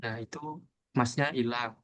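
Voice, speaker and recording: A man's voice: mid-range voice, fairly even intonation, unhurried, fairly bright tone. A male student politely asking his teacher a question in an online class.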